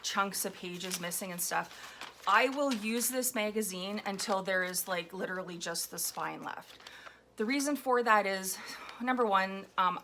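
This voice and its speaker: At a table in her home, a woman casually talks through her collage process, rambling with lots of ums in a slightly hoarse, raw voice that's medium-pitched and a bit bright. An overhead camera on a floor mount picks up her commentary as she works.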